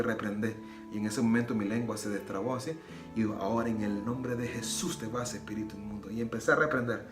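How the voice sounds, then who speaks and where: A man giving an earnest personal religious testimony, repeating phrases and acting out the dialogue as he retells it. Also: mid-range voice. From Nicaragua. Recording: roomy echo with soft guitar music.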